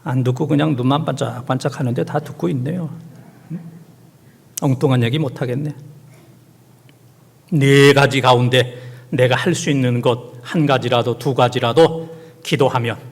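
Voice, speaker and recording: Middle-aged male pastor scolding his flock, rough gravelly voice, big church echo. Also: mid-range voice, steady tone, moderate pace, pauses often. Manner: swings from soft near-whispers to loud urgent exhortation; scolds the congregation directly in plain speech. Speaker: senior pastor. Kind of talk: Sunday sermon. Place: large church sanctuary. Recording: church hall reverb.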